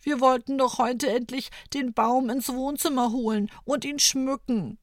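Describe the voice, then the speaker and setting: Lady putting on a little boy voice, eager and high, for a kids' audio story. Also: fairly even intonation, measured pace, no echo, studio quality. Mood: sad.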